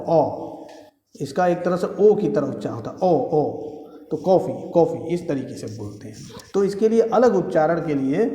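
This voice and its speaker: A man teaches an exam-prep grammar lesson with a fairly high yet mellow voice. He goes step by step, repeats his key points and keeps checking whether his listeners follow. The room around him is echoey, with a long reverb. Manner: explains step by step with frequent checking questions; repeats key phrases for emphasis.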